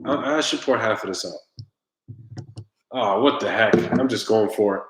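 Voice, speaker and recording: A man's voice: lowish voice, normal speed, a bit bright, roomy sound, poor audio. A man hosting his own live stream, chatting casually and straight to his viewers. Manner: laid-back, talks straight to viewers, groans at the drink.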